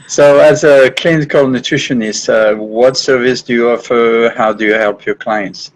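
A man from France hosts an interview, a native French speaker. He asks short questions and slips in joking asides. His pitch sits at an ordinary middle level. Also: steady tone, normal speed, rough recording. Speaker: podcast host.

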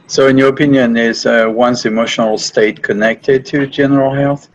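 A man from France hosts an interview, a native French speaker. He asks short questions and slips in joking asides. His pitch sits at an ordinary middle level. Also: fairly even intonation, normal speed, dull audio, a crowd in the background. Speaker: podcast host.

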